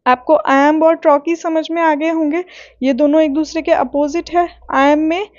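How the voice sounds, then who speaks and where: A woman teaching literary terms in a patient, explaining way, repeating checks like "okay" and reading definitions slowly. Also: high voice, steady tone, dry recording, dull audio. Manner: patient, repeats points with "ठीक है" and "okay"; reads English definitions slowly. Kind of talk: explaining lesson in Hindi-English mix.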